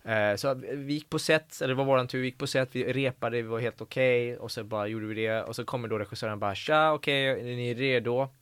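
A young man, an actor guest, telling stories in a casual interview, animated and swearing casually. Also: medium pitch, hardly any pauses, clear, resonant tone, no room sound. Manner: animated, acts out quoted dialogue, swears casually.

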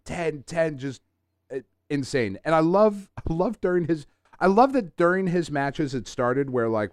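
A man's voice: medium pitch, smooth, dry recording, clean studio sound. A man hosting a podcast in casual chat, talking like an enthusiastic fan who swears freely. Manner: profane, enthusiastic fan talk. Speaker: podcast host.

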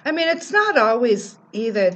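A woman's voice: fairly high pitch, sing-song, normal speed, slight background noise. A woman hosting a podcast, chatting casually as she interviews a guest in a basement room. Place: library basement.

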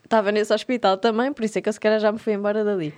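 Young woman, European Portuguese accent, casual comic storytelling, lively with frequent laughs. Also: mid-range voice, very fast. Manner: animated, laughs often, acts out voices in anecdotes.

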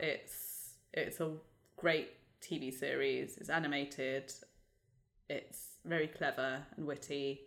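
A woman co-hosting a podcast in casual chat, chatty and quick to laugh. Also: sits low. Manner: chatty, laughs often, animated asides. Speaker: podcast co-host.

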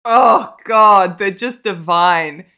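A young woman co-hosting a casual chat podcast, playful and quick to laugh. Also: medium pitch, sharp tone. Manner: playful, laughs often, breaks into jokes. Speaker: podcast co-host.

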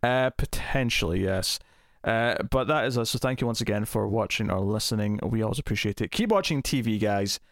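A man's voice: on the low side, animated, a little fast, no echo, studio quality. A man hosting a podcast in casual chat, with lots of fillers and restarts. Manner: chatty, many fillers and restarts. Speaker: podcast host.

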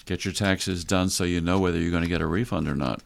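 A man's voice: sits low, fairly even intonation, fast talker, vocal fry. A man hosting a conversational radio advice show, speaking instructively and straight to the listeners. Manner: instructive, addresses listeners directly.

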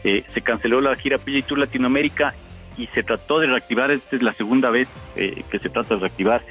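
A man's voice: medium pitch, quick pace, a bit bright, soft background music. A man talking spontaneously in a sports interview. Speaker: golf interviewee.

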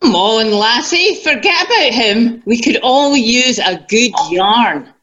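A woman's voice: fairly high pitch, animated, takes it slowly, a bit bright. A woman playing a folksy, motherly regular at a bar who coaxes a friend to talk. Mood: coaxing. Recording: dull lo-fi sound.

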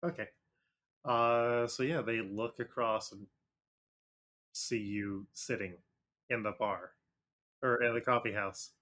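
A man runs a tabletop game as its game master, narrating scenes and asking players for rolls. He talks in a relaxed, unhurried manner, dotted with fillers, at a middle pitch.

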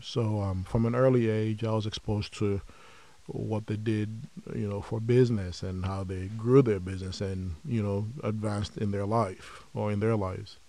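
Middle-aged man from Nigeria, low warm tone, reflective interview guest. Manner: measured, frequent um fillers, reflective. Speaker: podcast guest, company founder. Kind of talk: conversational interview.

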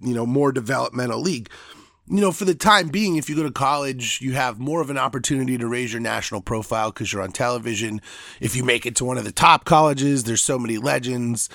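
A man's voice: mid-range voice, vocal fry, fairly bright tone, no echo, studio quality. An American man giving casual, unscripted sports commentary in a rambling, opinionated way.

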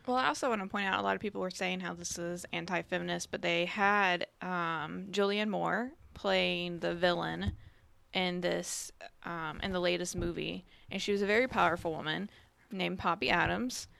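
A woman co-hosting a casual film chat, making her points in a measured way with hesitant fillers. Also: lowish voice, steady tone, gravelly, a bit bright, dry recording.

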